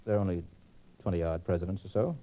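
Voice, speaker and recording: This quiz show host has a low, dark voice and talks fast. He moderates a 1940s radio panel quiz with precise, wordy, teasing remarks, heard through a muffled transcription disc.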